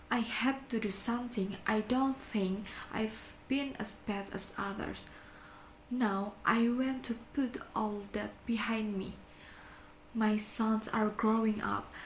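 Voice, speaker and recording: Woman acting slow, menacing stage blackmailer in echoey room. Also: medium pitch, close to an everyday voice. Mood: earnest, self-justifying. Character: cold, insistent male bank clerk turned blackmailing moneylender. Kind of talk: amateur dramatic reading of a stage play. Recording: echoey room with faint background noise.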